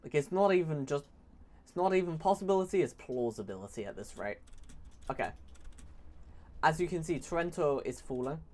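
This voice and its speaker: A man's voice: on the high side, lively intonation, normal speed, long pauses, darkish tone. Sarcastic man rambling over gameplay. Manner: rambling, sarcastic, self-correcting. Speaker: gaming YouTuber. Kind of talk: casual strategy-game commentary.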